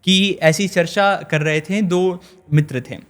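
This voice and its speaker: A man's voice: sits high, steady tone. Young man explaining scripture earnestly. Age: young adult. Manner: earnest, measured teaching tone with frequent hesitations. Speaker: religious storyteller guest.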